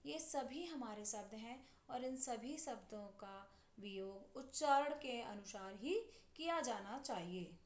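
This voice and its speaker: A woman teaching a Sanskrit lesson, slowly spelling words out sound by sound in a careful classroom manner. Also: a little high. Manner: slow, deliberate syllable-by-syllable dictation. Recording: echoey room.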